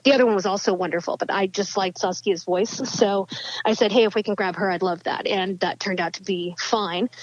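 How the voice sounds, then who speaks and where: A woman novelist talks through her answers in a chatty, rambling way, full of fillers and restarts. Her pitch sits in the middle, and the sound is a little dull and lo-fi. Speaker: novelist guest. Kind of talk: interview answers.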